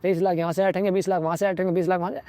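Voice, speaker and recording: A man's voice: high-pitched, level tone, very fast, mellow, dry recording. A young man vlogging a blunt, preachy advice monologue, punctuating points with "okay". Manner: preachy, lecturing, constantly says "ठीक है".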